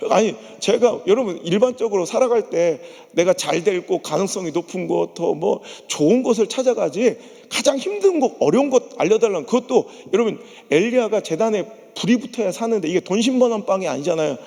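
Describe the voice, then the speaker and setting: A long reverb tail follows a high, gravelly male voice as a Chungcheong pastor preaches a revival sermon in a big Korean church sanctuary. He speaks fairly quickly with hardly any pauses, joking and impersonating people in lively stories.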